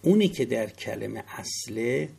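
A middle-aged man giving a classroom lecture on word roots, slowly spelling out letters and rising to stress key points. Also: mid-range voice, lively intonation, creaky, warm tone, breathy edge. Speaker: religious studies teacher.

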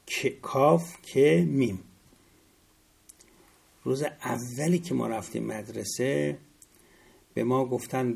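A middle-aged man giving a classroom lecture on word roots, slowly spelling out letters and rising to stress key points. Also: mid-range voice, vocal fry, darkish tone, breathy edge. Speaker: religious studies teacher.

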